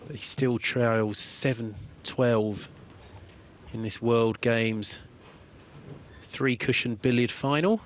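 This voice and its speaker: A man giving calm, explanatory play-by-play commentary on a billiards match. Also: medium pitch, slow pace. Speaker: sports commentator.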